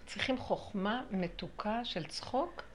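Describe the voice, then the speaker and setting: A woman teaching a spiritual lesson to a small group, animated, acting out quotes and laughing often. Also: mid-range voice, slight background noise.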